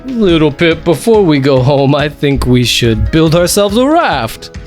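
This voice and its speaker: A man voicing a kind, cheerful father bear in a picture-book reading, gentle and fatherly. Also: a little high, very animated, measured pace, soft background music, pitched above the performer's own voice. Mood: fond.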